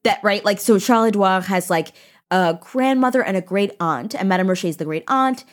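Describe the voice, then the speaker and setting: Animated woman chatting about a book. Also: mid-range voice, brisk. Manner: animated, swears freely, acts out quotes. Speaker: podcast co-host. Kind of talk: casual book discussion.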